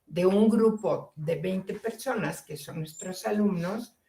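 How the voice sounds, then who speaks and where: A woman teacher with a Mexican Spanish accent giving a lecture on logic, slowly and deliberately, repeating key phrases. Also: mid-range voice, creaky, mellow. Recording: echoey room.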